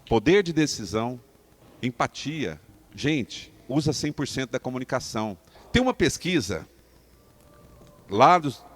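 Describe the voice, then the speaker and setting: Animated Brazilian man giving a talk. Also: medium pitch. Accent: Brazilian Portuguese. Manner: animated, emphatic, asks the audience questions. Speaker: speaker on public speaking for leaders. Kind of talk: live talk to a seated audience. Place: training room with a live audience.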